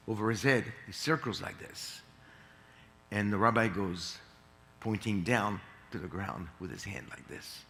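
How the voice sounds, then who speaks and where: A man speaking at a conference, telling a long joke with lively swings and frequent restarts. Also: medium pitch. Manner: animated storyteller, frequent restarts. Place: large conference hall. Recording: echoey conference hall.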